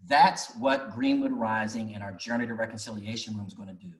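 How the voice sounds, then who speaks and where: A man's voice: on the low side, fairly quick. Earnest man telling a story. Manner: earnest, folksy, with many restarts. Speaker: speaker at an online community meeting. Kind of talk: storytelling presentation. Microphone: video call mic. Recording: echoey room.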